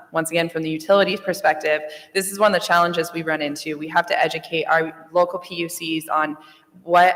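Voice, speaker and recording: A woman's voice: low-pitched, fairly bright tone. A woman speaking as a panelist, explaining earnestly in a large echoey room. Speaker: utility representative on a panel. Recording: echoey hall with long reverb.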